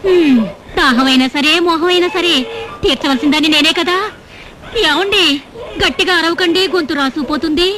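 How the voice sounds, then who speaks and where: A gullible middle-aged widow, played by a woman in a comedy film, fussing and coaxing with melodramatic flair. Her voice sits high, and soundtrack music plays clearly behind her. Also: moderate pace, long pauses, natural voice. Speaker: widowed mother. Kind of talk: comic film scene acting.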